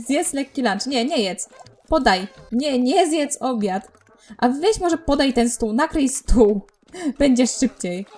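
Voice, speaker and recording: High-voiced woman bossing game characters. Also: a little mellow. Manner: exasperated, bossing her game characters around with frequent laughs. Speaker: let's play host. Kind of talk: casual gameplay commentary.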